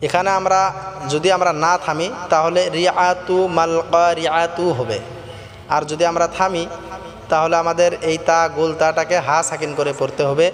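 A man teaching Quran recitation rules, slowly chanting verses in a melodic voice, then explaining pronunciation in quick plain speech. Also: on the high side, level tone, big-room sound, faint music behind. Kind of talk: tajweed lesson alternating chanted recitation and quick spoken explanation.

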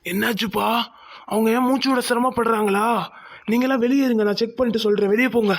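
A performer voicing a calm, firm hospital doctor in a cartoon who lectures a patient's family. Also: mid-range voice, fast, natural voice. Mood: urgent. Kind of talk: Tamil cartoon voice acting.

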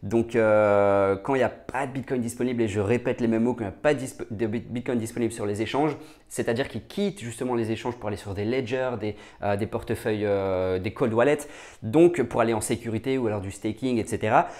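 A man talks his viewers through market charts in a loose, off-the-cuff way. His voice sits fairly low, and he peppers it with fillers and quick "okay?" check-ins as he goes. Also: a little mellow. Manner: many fillers and restarts, asks "d'accord?" often. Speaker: crypto market analyst. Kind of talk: casual screen-share chart analysis.

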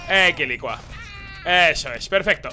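A man doing live gameplay commentary as a streamer, excitable and swearing as he reacts to the game. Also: on the high side, measured pace, slight background noise. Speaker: gaming streamer.

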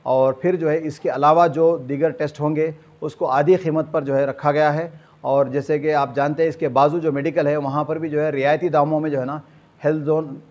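Lo-fi sound carries a slightly high, darkish, level-toned male voice at a moderate pace. The speaker is an older community organiser from Hyderabad, India, with a Hyderabadi accent, making a formal address to camera indoors in a small clinic room and repeating filler phrases.

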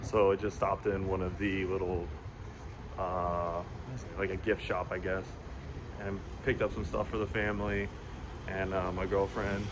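A man talks casually to his viewers while he explores a city on foot. His voice sits a little low. Loud street and traffic noise runs under everything he says, picked up by a handheld camera. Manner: chatty, talks to viewers while walking around town. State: out of breath after jogging. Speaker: vlogger. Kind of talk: casual travel vlog.

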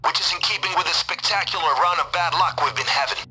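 A man's voice: sits high, quick pace, over music, close to an everyday voice. An actor playing a male heist planner who gives urgent, commanding orders to his crew in a video game. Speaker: mission contact over the radio.

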